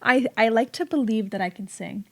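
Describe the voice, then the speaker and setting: A woman's voice: fairly high pitch, normal speed, a bit bright. A young woman co-hosting a podcast in casual chat, speaking chattily and often trailing off mid-sentence. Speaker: podcast co-host.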